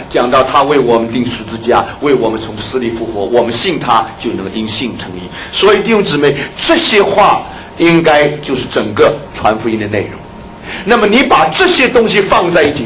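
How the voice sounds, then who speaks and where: A man's voice: mid-range voice, a little hiss or hum, rough recording. A man preaching a sermon, often turning to his listeners as brothers and sisters and repeating words for emphasis. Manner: animated, repeats phrases for emphasis.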